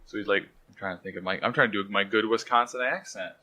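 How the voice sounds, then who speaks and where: Bright-voiced joking Midwestern man. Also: fairly low pitch, quick pace. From American Midwest. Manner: joking, slips into goofy put-on voices. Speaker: podcast co-host. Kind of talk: casual chat.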